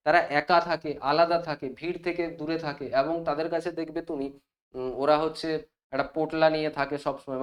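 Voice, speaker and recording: Patient West Bengal tutor dictating slowly. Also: medium pitch. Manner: keeps checking in with the class and dictates English answers word by word; mixes English terms into explanations. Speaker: teacher. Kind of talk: exam-prep lesson explanation.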